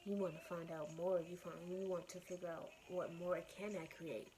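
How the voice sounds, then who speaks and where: A woman host giving a casual, reflective monologue to her followers, earnest and meandering, circling back over her phrases in a creaky voice. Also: on the low side, steady tone, normal speed, dark tone, slight background noise, rough recording. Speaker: spiritual self-love podcast or vlog host.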